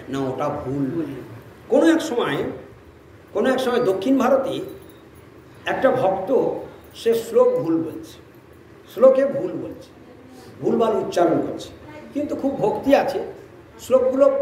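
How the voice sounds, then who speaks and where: A man's voice: high-pitched, darkish tone. A man giving a devotional sermon, telling a story and asking the listeners rhetorical questions, often repeating himself. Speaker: preacher. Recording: very echoey room, distant mic, faint noise.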